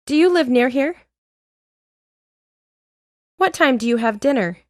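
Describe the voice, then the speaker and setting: A woman reading an English lesson aloud, with clear, deliberate drill phrases and an American accent. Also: high voice, animated, a little mellow, no echo, clean studio sound. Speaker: English teacher. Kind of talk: slow scripted lesson reading.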